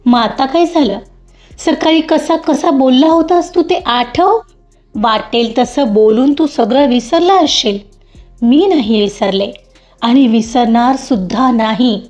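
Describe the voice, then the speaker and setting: A woman's voice: high-pitched, slow. A woman voicing a fierce, scolding young woman. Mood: angry. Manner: sharp, scolding. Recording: dull lo-fi with faint music.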